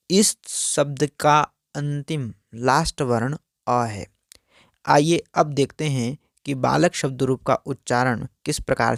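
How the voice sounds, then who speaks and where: A man teaching a Sanskrit grammar lesson, reciting word forms carefully and in a measured way. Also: mid-range voice, creaky, dry recording, studio quality. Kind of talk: slow spoken grammar lesson.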